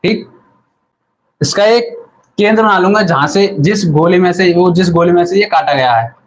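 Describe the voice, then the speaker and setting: A man with a fairly high voice teaches a physics class during an online stream. He asks a question, then answers it himself and says the term again for the viewers to note down. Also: normal speed, low-quality recording. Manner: repeats key terms and quizzes the viewers. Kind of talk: live online lesson.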